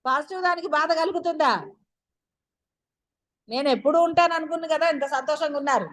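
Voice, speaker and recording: A woman with a high voice leads a spiritual discourse. She keeps posing rhetorical questions and talks straight to her listeners. Her manner stays chatty and coaxing. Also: fast talker. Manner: addresses listeners directly. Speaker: spiritual teacher.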